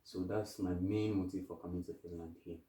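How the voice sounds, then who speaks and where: Young Ghanaian man, low voice, rambling guest answers, roomy and off-mic. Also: fairly even intonation, a little fast, warm tone, distant mic. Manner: thoughtful, rambling with restarts. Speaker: interview guest. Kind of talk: casual interview.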